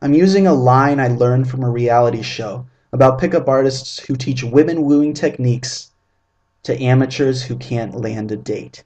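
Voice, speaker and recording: A man in his twenties reading his own first-person story aloud in a measured, vivid, descriptive way. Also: medium pitch, a little mellow. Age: 20s.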